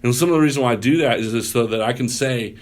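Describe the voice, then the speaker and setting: Talking fast in a mid-range voice, a man who works as a pastor spins stories on a casual podcast. He's loud and animated, performing people's quotes as he tells them.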